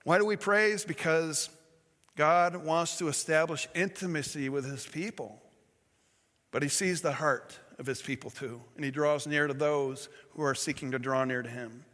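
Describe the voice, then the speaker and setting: A man preaches a sermon in a storytelling way, stumbling over words and correcting himself as he goes. His voice sits a little high for a man. A long reverb trails behind him, as in a large hall. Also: fairly even intonation, normal speed, fairly bright tone. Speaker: pastor.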